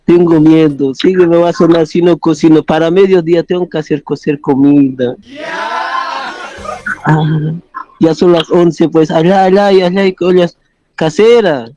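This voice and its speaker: A man's voice: on the high side, steady tone, unhurried, muffled recording, natural voice. A man playing a worried husband who rambles anxiously while shopping at a market in a radio comedy skit. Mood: fretful. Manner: fretful, rambling complaints. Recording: loud music behind voice.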